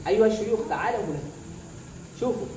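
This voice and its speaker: High-voiced man exhorting a class. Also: animated, racing. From Bangladesh. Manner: exhorting, call-and-response questioning of the audience. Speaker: student speaker addressing classmates. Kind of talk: motivational speech to a class. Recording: echoey room, voice far from the mic, background noise.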